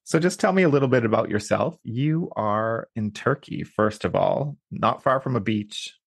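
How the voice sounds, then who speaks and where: A man's voice: mid-range voice, moderate pace. A man hosting a podcast interview, upbeat and introducing his guest with flourish. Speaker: podcast host.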